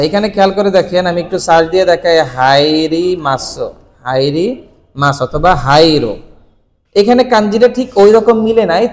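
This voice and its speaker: A man teaching a Japanese kanji lesson, asking questions and answering them himself with steady repetition. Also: high voice, long reverb tail. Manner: asks questions and answers them himself, repeating key words.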